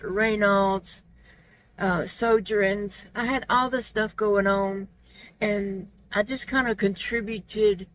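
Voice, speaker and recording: Woman, gummy toothless speech, feeling unwell, mid-pitched, plain-spoken, casual vlog host, background room noise. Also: poor audio. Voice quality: toothless, gummy articulation from not wearing teeth. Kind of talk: casual personal vlog chat.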